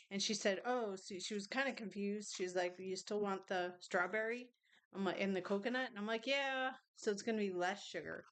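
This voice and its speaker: A woman's voice: mid-range voice, a bit bright, clean tone. Chatty woman tarot reader. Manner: chatty, rambling, tastes food on camera. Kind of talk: casual chat and tarot reading.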